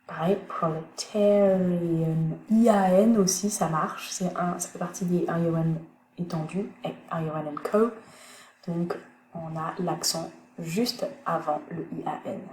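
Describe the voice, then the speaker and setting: A woman teaching English pronunciation in a recorded online lesson, thinking aloud with many pauses as she searches for words. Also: lowish voice, darkish tone. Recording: echoey room, faint background noise.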